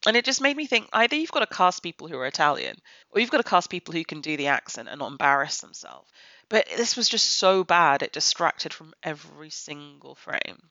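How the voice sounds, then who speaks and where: A woman's voice: sits low, big pitch swings, fairly quick, sharp tone, no echo. A woman giving a blunt, opinionated film review on a podcast. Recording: slightly dull, dry podcast audio.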